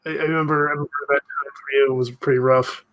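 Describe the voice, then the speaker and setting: A podcast co-host chats casually with friends, his mid-range voice level and quick, and he says "like" a lot. The recording sounds muffled.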